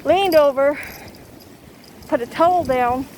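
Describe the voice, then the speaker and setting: Woman w high voice rambling slow n halting on a casual vlog, really windy noisy outside. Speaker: vlogger. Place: outdoors in windy weather. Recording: loud wind noise, outdoors. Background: strong wind.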